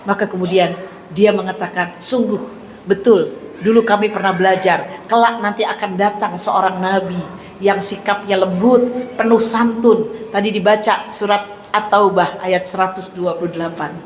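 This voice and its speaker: A middle-aged woman giving a mosque sermon, telling stories in a lively way and often speaking straight to the congregation. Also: medium pitch, moderate pace, a little hiss or hum. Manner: lively storytelling, addresses the congregation constantly; acts out dialogue in raised voice. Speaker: preacher. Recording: echoey hall with faint ambience.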